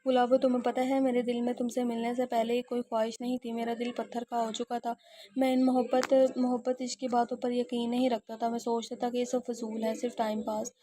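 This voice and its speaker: A woman's voice: a little high, completely flat delivery, dark tone, natural voice. A woman reading the part of a lovesick gangster man who earnestly pleads his love in an audio novel. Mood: pleading.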